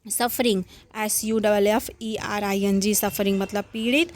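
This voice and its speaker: A woman's voice: medium pitch, fairly even intonation, unhurried. Indian woman tutor spelling out words. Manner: spells words letter by letter, then gives the meaning. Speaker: English tutor. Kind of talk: classroom lesson in word meanings.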